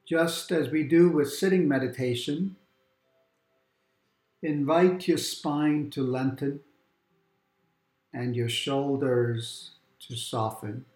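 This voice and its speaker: A man leads a calm grounding exercise as a meditation guide. He speaks slowly, in a medium-pitched voice, leaving long pauses between gentle instructions. The recording has a roomy echo, with music playing behind him. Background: quiet background music.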